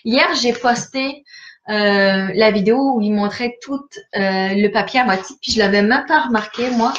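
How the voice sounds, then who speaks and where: A woman's voice: a little high, moderate pace, lo-fi sound, slight background noise. A woman chatting casually through a catalogue, hesitant and full of fillers. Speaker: stamping-supplies demonstrator. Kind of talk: casual catalogue walkthrough for viewers.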